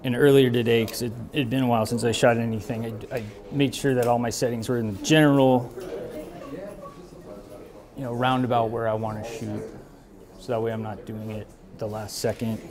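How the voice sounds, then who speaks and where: A man in his thirties, a barber and shop owner, talking casually while he works, relaxed and rambling with many fillers, moving around the room away from the camera mic. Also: medium pitch, normal speed, crowd noise. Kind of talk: casual talk while working. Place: barbershop with brick walls, indoors.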